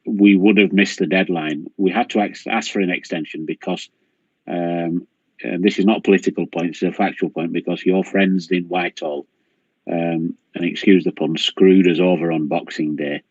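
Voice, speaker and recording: A man's voice: low voice, fairly even intonation, normal speed, husky, dry recording. A man chairing a council committee over a video call, firm and businesslike as he calls names and runs the vote. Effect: heard over a video call. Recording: dull muffled video-call audio.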